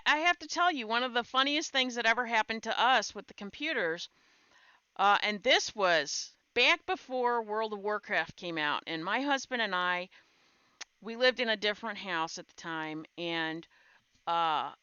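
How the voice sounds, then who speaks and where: Bright, crisp-voiced woman telling stories. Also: mid-range voice, dry recording, muffled recording. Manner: animated, laughing storyteller. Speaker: stream host. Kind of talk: casual storytelling chat.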